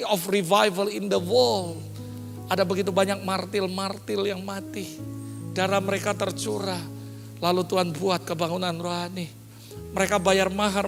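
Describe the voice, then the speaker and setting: Pastor guy preaching, high gravelly voice, big echoey hall with music under it. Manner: mixes English phrases, builds to loud emphatic lines. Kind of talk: sermon.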